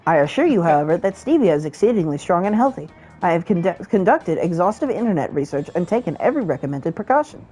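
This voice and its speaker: A woman's voice: on the low side, very animated, fast talker, mellow, breathy edge, faint music behind, rough recording. Woman reading a prim, formal robot student. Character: polite, precise robot student.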